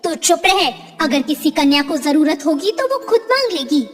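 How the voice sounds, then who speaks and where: A woman voicing a stingy, sharp-tongued older mother-in-law who scolds in a shrill, grudging way, in a storybook narration. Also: sing-song, moderate pace. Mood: scolding. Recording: long reverb, faint music behind.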